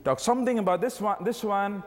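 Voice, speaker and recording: A man, speaking at a missions conference, pausing and restarting with many fillers. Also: high voice. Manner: halting with frequent fillers and restarts. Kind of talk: conference sermon. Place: large hall, live talk. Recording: reverberant hall.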